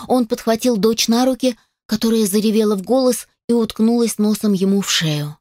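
A woman's voice: on the high side, moderate pace, darkish tone, no echo, clean studio sound. Woman narrating an audiobook. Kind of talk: scripted narration.

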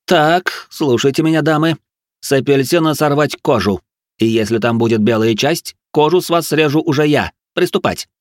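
A man voicing a pompous, ranting aristocrat who lectures and barks cooking orders in a shrill, squealing voice. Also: normal speed, dry recording, clean studio sound, close to an everyday voice. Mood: yelling orders. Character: shrill manic aristocratic male drill-sergeant cook. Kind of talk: audiobook character voice.

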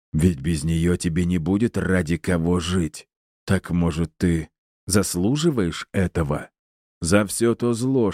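A man's voice: deep voice, no echo, studio quality. A man voicing a gleeful, cruel male villain who taunts his captive in a theatrical, mocking way. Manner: mocking, theatrical, rising to shouts.

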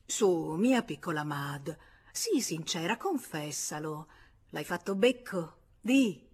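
A woman voicing a jealous young husband in a read novel, pressing and coaxing in a slightly husky voice. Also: on the low side, animated, slow, darkish tone, heavily acted. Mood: needling.

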